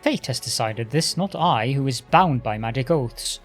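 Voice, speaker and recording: A man's voice: mid-range voice, lively intonation, normal speed, soft background music, natural voice. A man voicing an arrogant undead lich, a lordly military master speaking with haughty, sneering command in a fantasy game. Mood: haughty, bitter. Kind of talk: dramatic voiced game dialogue.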